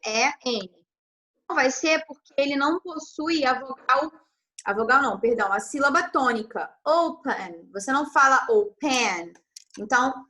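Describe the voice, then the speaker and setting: Bright high-voiced woman teaching. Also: rough recording. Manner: patient, fills blanks with sung "tananã", spells letters. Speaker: English teacher. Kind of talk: online class tutoring. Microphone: video call.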